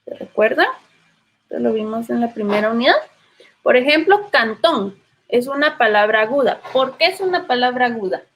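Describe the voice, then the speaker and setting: A woman's voice: on the high side, expressive, moderate pace, fairly bright tone. A woman with a Guatemalan Spanish accent teaching literature in an online class, patiently prompting students with questions.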